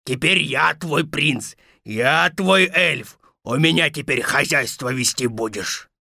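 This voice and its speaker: A greedy, swaggering fairy-tale wolf, growling and mocking with a gravelly, bright voice. The recording is close and dry, like a studio audio story. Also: male voice, a little high, takes it slowly, dry recording, exaggerated voice. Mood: menacing.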